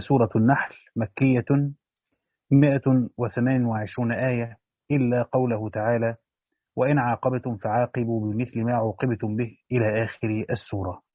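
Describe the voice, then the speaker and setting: Brisk man reading a religious text. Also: mid-range voice, no room sound. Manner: brisk recitation of the text, with plain spoken asides to students. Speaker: teacher reading and explaining a Quran commentary. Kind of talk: religious lesson, reading a text aloud with comments. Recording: dry, thin phone-like line.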